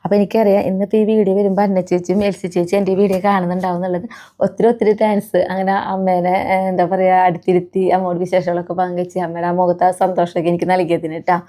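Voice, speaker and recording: A woman's voice: on the low side, level tone, racing. A woman with a Kerala Malayalam accent chatting casually to the camera in a family vlog, often tacking friendly asides onto her sentences for viewers. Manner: soft baby-talk when addressing her pets. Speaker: family vlogger.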